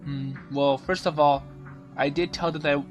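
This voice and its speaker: A man's voice: fairly high pitch, steady tone, normal speed. A man casually commenting on a story game, hesitantly summarizing and paraphrasing the dialogue with many fillers. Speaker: let's play commentator. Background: game music.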